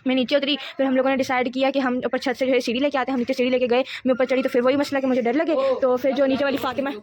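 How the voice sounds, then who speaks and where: A woman's voice: high-pitched, flat delivery, rapid-fire, crowd noise. A teenage girl telling a rambling, giggly storytime in a casual vlog. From Pakistan. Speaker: vlogger.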